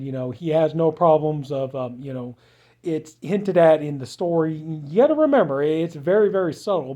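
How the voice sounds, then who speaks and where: A man's voice: a little high, mellow. A man giving a casual spoken movie review, rambling with many fillers and restarts. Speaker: film reviewer.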